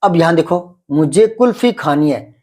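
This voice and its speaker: A middle-aged man teaching Hindi grammar, explaining patiently, repeating example sentences slowly and quizzing a pupil. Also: on the high side, expressive, darkish tone. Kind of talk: classroom grammar lesson.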